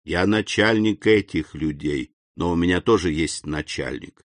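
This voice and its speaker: Man voicing a bandit leader, low and unbothered, drawn-out replies. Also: no echo. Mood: cool. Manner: low, unhurried, cool. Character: calm phlegmatic male bandit chief.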